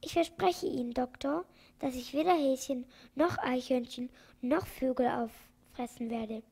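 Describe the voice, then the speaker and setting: A greedy, wheedling crocodile from a children's storybook, as a woman reader puts him on. The voice is lifted higher and a bit louder than her telling voice, with a gravelly edge, and it pleads sweetly. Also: measured pace, exaggerated voice. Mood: sighing. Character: greedy but meek male crocodile.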